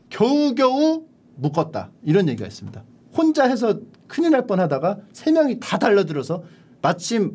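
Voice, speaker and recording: A man streaming from home, chatting casually as he retells an old war story in an animated way. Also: sits high.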